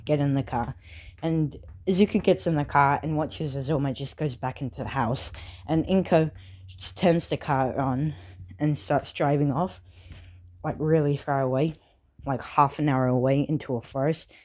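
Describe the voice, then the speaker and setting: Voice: mid-range voice, moderate pace, darkish tone. A storyteller retelling a fan story casually, full of fillers and self-corrections.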